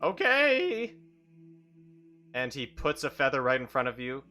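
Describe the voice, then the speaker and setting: Guy game master improvising a scene, bright voice, really animated pitch, music behind. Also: quick pace. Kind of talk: improvised tabletop game narration.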